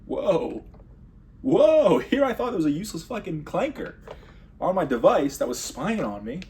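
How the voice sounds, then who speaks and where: A man doing a rambling comedic monologue, sarcastic with deadpan asides. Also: high-pitched, moderate pace.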